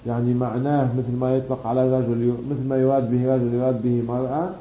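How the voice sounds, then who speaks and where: Dark-voiced man teaching grammar. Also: medium pitch, flat delivery, fast talker. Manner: explains patiently, stretches key words, asks and answers himself. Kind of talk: grammar lesson explaining a text. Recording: dull roomy recording with faint background hum.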